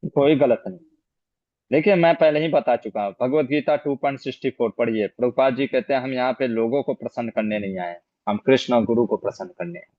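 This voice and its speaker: A man's voice: medium pitch, fairly quick, no room sound, muffled recording. A man teaching a spiritual class, answering students' questions in a patient, explanatory way and often checking in with "isn't it?". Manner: patient, explanatory, repeats key points with rhetorical "है ना?". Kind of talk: Q&A after a scripture lecture.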